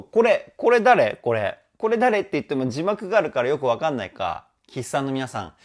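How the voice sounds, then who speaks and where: A man working as a vocal trainer, reacting to a music video and breaking down the singing in an enthusiastic, chatty way. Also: mid-range voice. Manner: enthusiastic, chatty, often adds ね; sings short snippets to demonstrate.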